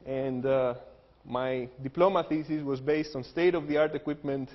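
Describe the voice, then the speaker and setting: A Greek engineering professor with a medium-pitched voice delivers a technical lecture at a normal speed, his intonation fairly even. He cracks jokes, explains things, and says "uh" often. The lecture hall recording sounds dull and lo-fi, with long reverb.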